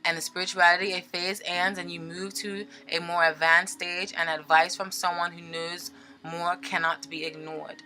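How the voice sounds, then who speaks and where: Bright-voiced chatty woman reading tarot. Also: lowish voice, normal speed, slight background noise. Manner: chatty, animated, with filler words and frequent "okay?" check-ins. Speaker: tarot reader.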